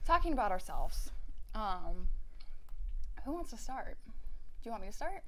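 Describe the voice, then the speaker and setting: A woman's voice: mid-range voice, sing-song, unhurried, sharp tone, a little hiss or hum. A young woman co-hosting a casual podcast among friends, laughing often and reading out lists with filler words. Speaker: podcast co-host.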